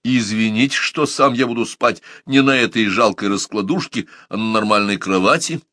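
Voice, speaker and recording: A man reading the part of a polite, composed older inventor who speaks calmly and with weight. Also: fairly low pitch, normal speed, no echo, clean studio sound. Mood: courteous. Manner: calm, courteous, weighty delivery.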